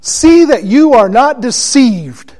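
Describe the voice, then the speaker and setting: A man teaching a Bible study class, deliberate and asking his listeners questions. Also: extremely high pitch, big pitch swings, a little mellow.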